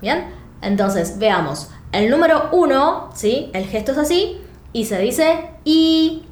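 Female language tutor, patient and slow, roomy played-back clip. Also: on the high side, very animated, a little mellow. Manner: patient, drills each word slowly. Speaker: Mandarin teacher. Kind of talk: instructional video lesson. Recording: echoey room, faint noise, played clip.

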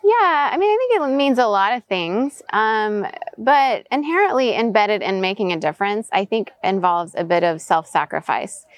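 Born in the US and raised in Venezuela, a woman in her forties reflects on questions as a guest in a relaxed outdoor interview done face to face. She has a mid-range, expressive voice at a moderate pace, and the recording is dry.

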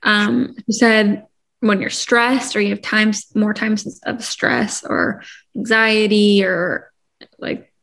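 A woman's voice: medium pitch, fairly even intonation, slow pace, creaky, fairly bright tone. A young woman co-hosting a podcast in casual chat, talking in a chatty way with many "like" and "um" fillers. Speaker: podcast co-host.

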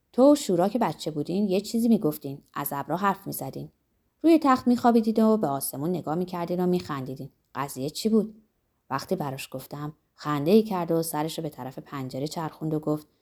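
A woman voicing a gentle, wistful young man speaking quietly and reflectively in an audiobook. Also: low voice. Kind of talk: audiobook character reading.

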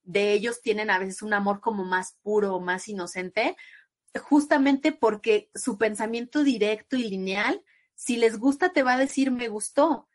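A woman with a Mexican accent, a psychologist guest on an interview podcast, explaining at length in a conversational way and bringing in quoted voices with lively pitch jumps. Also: normal speed.

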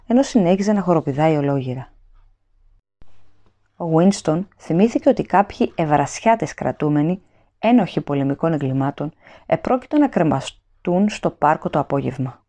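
A woman narrating an audiobook in a steady, even storytelling manner. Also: low voice.

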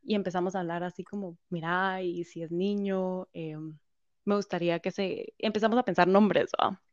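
A woman's voice: on the low side, moderate pace, no room sound. Woman telling her story. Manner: animated storyteller, quotes others, laughs often. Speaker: guest. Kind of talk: personal story in conversation. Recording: slightly dull, dry.

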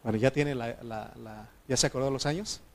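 A man preaches in a relaxed, talkative way. His voice sits at an ordinary middle pitch. He keeps turning to the congregation with questions. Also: brisk, vocal fry, a little hiss or hum. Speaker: pastor. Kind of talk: sermon.

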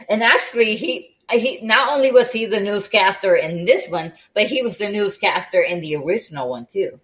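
A woman's voice: medium pitch, low-quality recording. A woman hosting a podcast in casual chat, tired and yawning, with many fillers and restarts. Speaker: podcast host.

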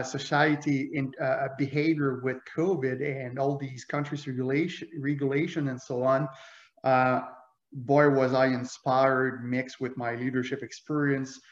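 French Canadian man, flat hesitant voice. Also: mid-range voice. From Quebec, Canada. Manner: hesitant, many fillers. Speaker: guest. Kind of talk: casual interview. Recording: roomy, dull lo-fi remote audio.

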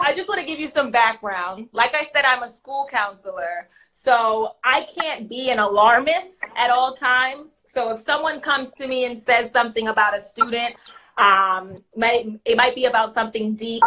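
A woman telling a true story from her work as a guest, animated and acting out the voices, laughing as she tells it. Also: fairly high pitch, a little hiss or hum, poor audio.

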